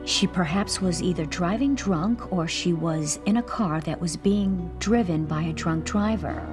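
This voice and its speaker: An actress playing a psychic woman describing her visions in a reenactment, measured and dreamy. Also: lowish voice, music in the background, natural voice. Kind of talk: documentary reenactment.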